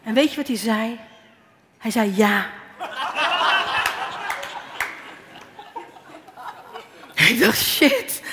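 A woman preaching a sermon, telling personal stories and acting out the dialogue, her voice a bit strained. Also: on the high side. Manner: animated storytelling, acting out dialogue. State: slightly strained voice. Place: church hall. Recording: echoey hall with faint noise.

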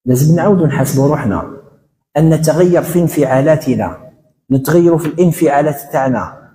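An Algerian man delivers a religious talk at a brisk clip, turning his points into small acted-out exchanges. His voice is dark and mellow, and it carries through a roomy hall with a long reverb tail. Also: a little high. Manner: quick, animated, acts out little dialogues. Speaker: educational counselor. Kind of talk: religious lecture in dialect.

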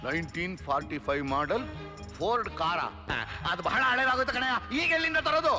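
A frazzled cop boss, high bright voice, music under. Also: male voice, animated, fairly quick, exaggerated voice. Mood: harried. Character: flustered police superintendent, male, middle-aged.

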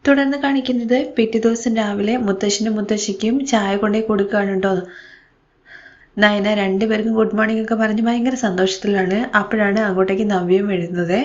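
A woman's voice: mid-range voice, fairly even intonation, brisk, darkish tone, lo-fi sound. A woman retelling a TV serial episode in a casual, chatty storytelling way, reading out the characters' lines as she goes. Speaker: serial recap narrator.

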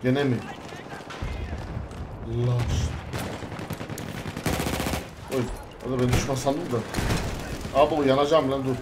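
A man giving casual gameplay commentary, excitable, swearing and bossing his teammates around. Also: medium pitch, slow pace, pauses often, loud music behind the voice. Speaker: gamer. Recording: loud gunfire and explosions from the game. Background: game gunfire and bombardment.

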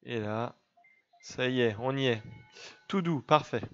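A man's voice: medium pitch, measured pace, fairly bright tone, dull audio. A young man giving casual gameplay commentary, chatting and teasing his game pet. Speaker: let's play gamer.

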